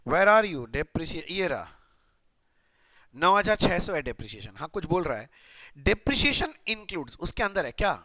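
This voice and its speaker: A man's voice: high voice, big pitch swings, moderate pace, bright, forceful tone, no echo. A young man teaching accounting in a chatty, playful lecture style, often asking students questions and muttering while he writes. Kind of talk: casual classroom lecture.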